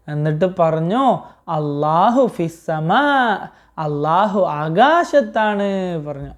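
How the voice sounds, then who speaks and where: A woman teaching a religious story to children, patient and slow, asking them questions and repeating the answers. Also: mid-range voice, a little mellow, dull audio.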